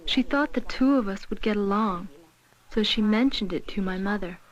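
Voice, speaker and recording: A woman giving measured interview answers about her own life. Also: mid-range voice, slight background noise. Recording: dull, muffled documentary sound.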